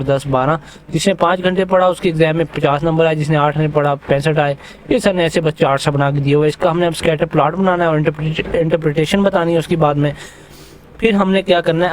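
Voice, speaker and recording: A man tutoring students through a screen-recorded software lesson, casual and thinking aloud as he clicks through menus, with English terms mixed into his speech. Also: a little high, a little hiss or hum.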